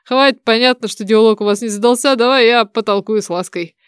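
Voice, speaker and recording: A woman reading an audiobook voices a calm, wry male golden dragon who speaks in a cool, measured way. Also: a little high, clean tone, no room sound, studio quality, close to an everyday voice.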